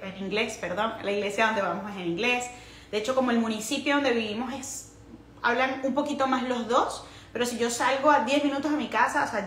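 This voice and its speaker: A woman's voice: medium pitch, a bit bright. Chatty Venezuelan woman in a roomy space. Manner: chatty, rambling, self-correcting. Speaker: missionary vlogger. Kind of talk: casual personal vlog. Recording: roomy echo, faint noise.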